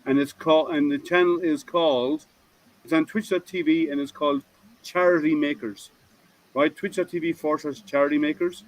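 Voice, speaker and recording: A man's voice: a little high, rough recording. A man hosting a casual livestream hangout, chatty and rambling, often restarting his sentences as he greets viewers. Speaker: host.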